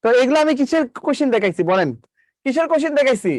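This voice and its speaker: Male math teacher, rapid patter, swinging pitch, keeps re-asking the class. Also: animated, dry recording, studio quality. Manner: repeats questions to students, coaxing and drilling. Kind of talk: live online math lesson.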